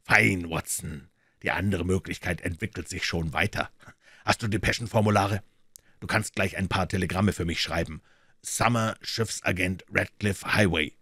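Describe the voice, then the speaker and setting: A man voicing a calm, superior male detective who speaks in a measured, lecturing tone in a storybook reading. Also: low-pitched, husky, dry recording, studio quality, full character voice. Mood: dictating.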